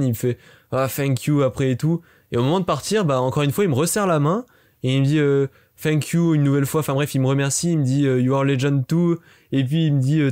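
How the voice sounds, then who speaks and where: Fast-talking young French man telling a story. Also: medium pitch, a little mellow. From France. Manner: rapid chatty with many fillers. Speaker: vlogger. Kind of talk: casual storytelling to camera.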